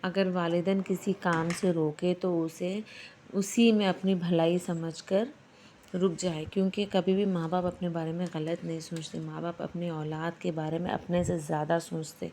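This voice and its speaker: Gentle, even-toned middle-aged woman vlogger. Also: on the low side, slight background noise. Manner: gentle, repetitive, instructive. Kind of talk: casual vlog voice-over with religious advice.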